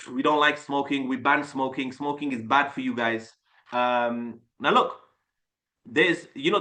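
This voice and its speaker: A man's voice: mid-range voice, pushed and bright. A man with an English accent coaching viewers on a casual livestream, rambling and chatty and drifting off on tangents. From England. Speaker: sales coach.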